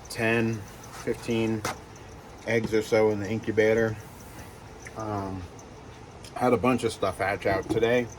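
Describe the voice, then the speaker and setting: A man who breeds reptiles talks casually in a vlog while handling geckos, with lots of fillers and soft reassurances to the animals. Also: on the low side, slight background noise. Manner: rambling, filler-heavy, coos softly to the geckos.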